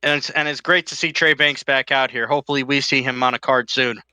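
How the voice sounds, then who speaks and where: A man working as an excitable wrestling commentator, calling the match live and reacting to each move. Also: medium pitch, fairly quick, clean tone, no echo. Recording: loud event crowd and noise. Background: crowd and arena noise.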